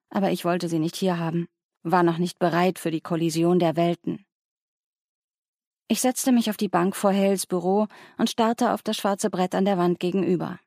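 A woman reading a first-person audiobook in a composed, even way. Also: lowish voice, dry recording, clean studio sound. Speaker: audiobook narrator.

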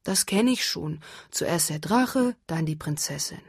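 A woman voicing a weary young prince in a fairy tale who grumbles slowly about endless dragon fights. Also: sits low, animated, vocal fry, breathy edge, dry recording, studio quality, full character voice. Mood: grumbling.

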